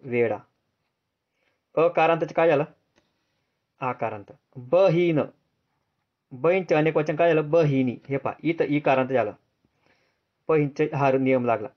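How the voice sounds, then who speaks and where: A man with a Marathi accent teaching a grammar lesson, drilling students with repeated questions and answering them himself in a lower, softer voice. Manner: answers drop low and soft. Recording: dull lo-fi sound.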